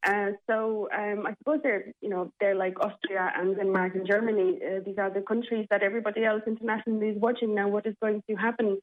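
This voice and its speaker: A woman's voice: medium pitch, flat delivery, fast talker, few pauses. Woman on a tinny phone line. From Czech Republic. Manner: hesitant, many fillers and restarts. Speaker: interview guest, theatre programme manager. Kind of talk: radio interview.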